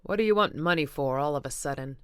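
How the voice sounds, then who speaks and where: A woman's voice: low-pitched, animated, fast talker, clean tone, no room sound, studio quality. Woman reading as Tom, a harsh arrogant rich man. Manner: loud, harsh, demanding. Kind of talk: audiobook reading.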